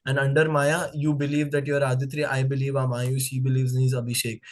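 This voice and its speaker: A man's voice: medium pitch, completely flat delivery, fairly quick. A young man teaching a scripture class, explaining ideas with everyday examples and frequent fillers. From Nepal.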